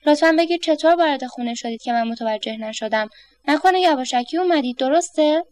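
A woman's voice: high-pitched, darkish tone, no room sound, close to an everyday voice. A woman voicing an exasperated homebody man. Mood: indignant. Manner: exasperated, sarcastic complaining. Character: flustered middle-aged man alone at home.

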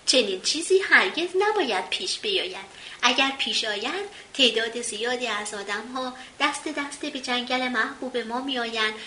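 A woman doing a lowered, earnest little forest man. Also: pushed and bright. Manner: earnest, cautioning. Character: wise little male forest being. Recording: roomy with faint hiss.

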